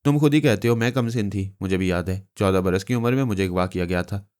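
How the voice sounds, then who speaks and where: This is an earnest young woman with a soft, gentle way of speaking, read by a man narrating a novel. The voice stays low and smooth. It sounds clear. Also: fairly quick, lightly acted.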